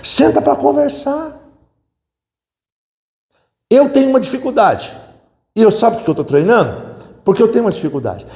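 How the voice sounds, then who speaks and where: Animated high-voiced pastor. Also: male voice, normal speed, pauses often. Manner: animated, humorous storytelling with questions to the audience. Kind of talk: sermon at a couples' retreat. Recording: echoey hall.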